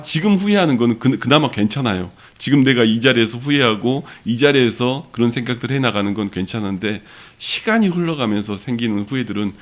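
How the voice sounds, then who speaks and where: A middle-aged man from Jeolla, South Korea, preaching a sermon as pastor, telling a personal story with earnest rhetorical questions to the congregation. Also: mid-range voice.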